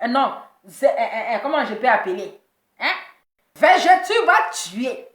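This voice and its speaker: High-voiced teasing woman, echoey room. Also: very animated, measured pace. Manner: teasing, repeats her punchlines, laughs often. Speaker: online gossip commentator. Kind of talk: mocking celebrity commentary.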